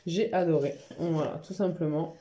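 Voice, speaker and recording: A woman talking casually and frankly in a home haul vlog, chatty and quick to laugh. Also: sits low, steady tone, mellow, a little hiss or hum. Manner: chatty, frank, laughs easily, many fillers. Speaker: beauty vlogger. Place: home living room by a Christmas tree.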